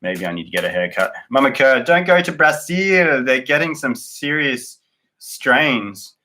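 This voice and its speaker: A man's voice: medium pitch, expressive, measured pace, pushed and bright. An Australian man hosting a live stream, chatting loosely with many fillers and restarts as he greets viewers and reads out their comments. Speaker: livestream host.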